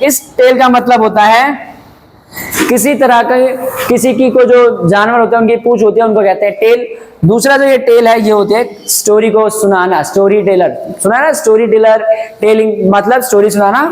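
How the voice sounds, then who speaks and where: A man's voice: very high voice, poor audio. A man teaching English grammar in Hindi, mixing in English phrases and spelling words out letter by letter. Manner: explains patiently, asks and answers own questions, says "bhai". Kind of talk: Hinglish classroom lesson.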